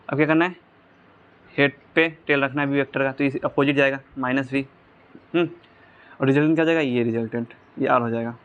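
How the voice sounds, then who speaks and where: A man teaching physics at a board, walking through each step and often pausing to ask whether the class follows. His voice sits a little high for a man. The recording sounds somewhat dull and lo-fi. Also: fairly bright tone, clear, resonant tone. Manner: explains step by step, asking the class rhetorical check questions. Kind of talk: whiteboard physics lesson.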